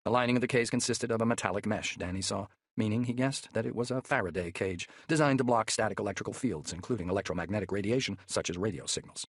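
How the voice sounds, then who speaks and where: A man narrating a thriller audiobook in a measured, steady way, close to the mic. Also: lowish voice, breathy edge, no room sound.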